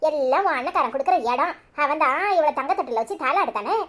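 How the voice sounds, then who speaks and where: A woman voicing a sharp-tongued, gossiping middle-aged mother in a cartoon, speaking Tirunelveli Tamil in a conspiratorial manner. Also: high voice, animated, fast talker. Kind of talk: cartoon voice acting.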